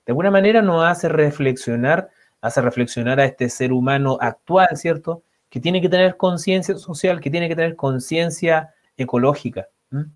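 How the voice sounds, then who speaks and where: A man co-hosting a literary discussion, pausing often with fillers and restarts. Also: fairly high pitch. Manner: hesitant, many fillers and restarts. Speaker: co-host.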